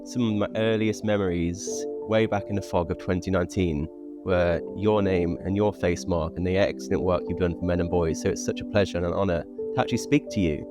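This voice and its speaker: A man's voice: deep voice, fairly even intonation, a little fast. A man hosting an interview in a conversational style, introducing and questioning his guest. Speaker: interview host. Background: music.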